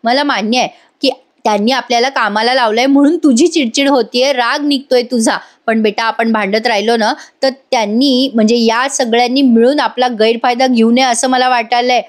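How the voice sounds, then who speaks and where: A woman's voice: on the high side, steady tone, a little fast, few pauses, close to an everyday voice. A woman voicing a scheming middle-aged mother who pleads with her daughter and flares up at her. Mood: pleading. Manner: emotional, pleading.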